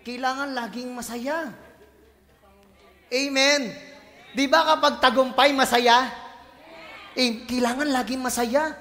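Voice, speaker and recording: A male pastor from the Philippines, preaching a lively sermon full of jokes and playful voices. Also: very high-pitched, slow pace, long pauses. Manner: animated, joking, playful voices and shouts, mixes English in. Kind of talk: lively sermon with comic asides. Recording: church hall reverb.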